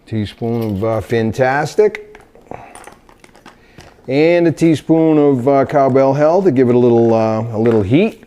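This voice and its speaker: A man with a medium-pitched, mellow, clear and resonant voice hosts a cooking video from his home kitchen. Working through a recipe in an unscripted demonstration, he speaks in a halting, meandering way, searching for words.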